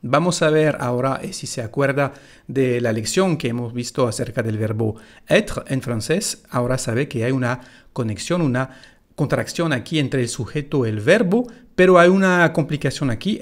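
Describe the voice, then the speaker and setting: A man whose first language is French teaches French pronunciation, explaining it in Spanish with a foreign speaker's delivery. His pitch sits in an ordinary middle range for a man. He spells out sounds and repeats model phrases slowly and deliberately. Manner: slow, careful model sentences, often repeated.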